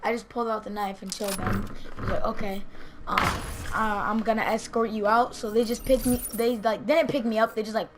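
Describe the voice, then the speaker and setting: A teenage vlogger telling a story casually and acting out the quotes with lively energy. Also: female voice, mid-range voice, brisk, heavy background noise. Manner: animated, acts out quotes.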